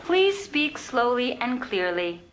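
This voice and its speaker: An actress voicing a polite automated female lift voice with an American accent, calm and measured, in a television sketch. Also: a little high. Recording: studio audience laughter behind.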